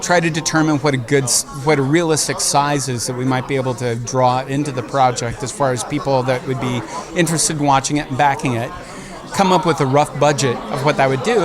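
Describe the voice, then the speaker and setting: A man giving an explanatory interview as a producer at a busy convention. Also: fairly high pitch. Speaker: audio drama producer being interviewed. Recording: busy crowd noise around the voice. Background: crowd chatter.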